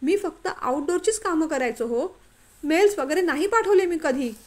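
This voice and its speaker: Woman playing a scared young male clerk, pleading, anxious, high-pitched, storybook. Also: normal speed, close to an everyday voice. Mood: panicked pleading. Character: timid honest young male clerk, frightened.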